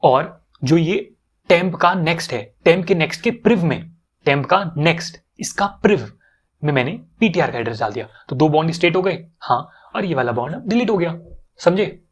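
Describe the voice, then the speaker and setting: A man's voice: fairly high pitch, lively intonation, normal speed, breathy edge. A young man explaining code step by step to students in a casual teaching manner, often repeating himself and checking that they follow.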